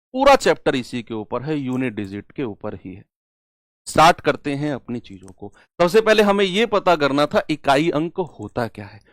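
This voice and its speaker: A man teaches a maths class online with a fairly high voice. He says key terms several times and often asks a question, then answers it himself. The sound is dry and close. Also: no echo.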